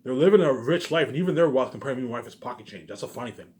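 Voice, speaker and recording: A man with a mid-range, darkish voice talks very fast and animatedly in a rambling, informal monologue about his personal plans. He keeps repeating himself and restarting phrases, throwing in emphatic tag words.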